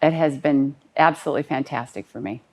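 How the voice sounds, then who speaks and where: A woman's voice: low-pitched, fairly quick, darkish tone. A woman in her fifties telling a personal story in an earnest, detailed and slightly rambling way. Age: 50s. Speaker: client giving a testimonial.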